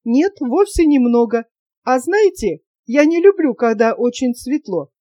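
A woman's voice: sits high, expressive, measured pace, dark tone, no echo. A woman voicing a talkative, self-satisfied wealthy lady in a storybook reading, chatty and coquettish.

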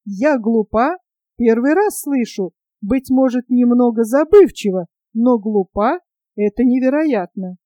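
A woman plays a touchy, scratchy-voiced jay in a storybook reading, quick to take offense. The voice sits a bit high and mellow, recorded close and dry. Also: animated, dry recording. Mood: huffy. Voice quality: creaky, scratchy.

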